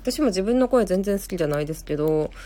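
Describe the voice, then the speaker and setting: A woman's voice: mid-range voice, expressive, fast talker, mellow. A young woman with a Kansai accent, hosting a casual live stream, chatting in a rambling way, reading viewer comments aloud and correcting herself as she talks. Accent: Kansai Japanese. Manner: chatty, rambling, many fillers and self-corrections.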